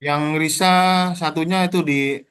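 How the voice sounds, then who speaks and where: A man moderating a formal online thesis exam, orderly and steady, pausing with "eh" now and then. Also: on the high side, clean tone, no room sound. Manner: orderly, formal, with frequent "eh" pauses. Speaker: thesis examiner. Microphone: video call.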